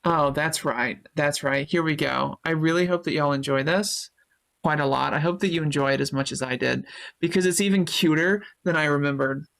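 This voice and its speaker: Her voice is low and creaky, delivered at normal speed, as this Twitch streamer hangs out casually with her live audience. She reads chat messages aloud, thanks viewers and curses freely.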